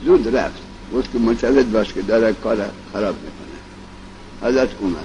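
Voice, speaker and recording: A man teaching Arabic grammar in a colloquial classroom lecture, explaining in plain speech and reciting example sentences slowly. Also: on the low side, darkish tone. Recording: dull lo-fi recording with faint vehicle noise.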